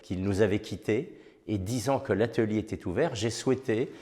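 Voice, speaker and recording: A man speaking as a town official in charge of culture, explaining an exhibition at a measured pace with frequent hesitations and restarts. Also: fairly low pitch, dark tone. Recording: long reverb with faint music behind.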